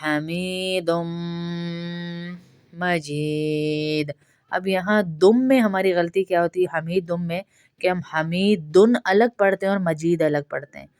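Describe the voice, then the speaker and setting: A woman with a Pakistani Urdu accent teaching pronunciation, explaining quickly and then reciting each phrase slowly as a model. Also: lowish voice, a little mellow, dry recording, clean studio sound. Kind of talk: step-by-step pronunciation lesson.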